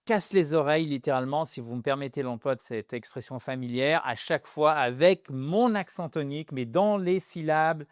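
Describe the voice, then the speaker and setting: Brief: male English teacher lecturing in French, smooth clear voice, dry close sound, repeats words to drill stress. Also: a little high, normal speed, few pauses, no echo. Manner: lively, self-deprecating, jokes about being a pain. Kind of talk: French-language English grammar lesson.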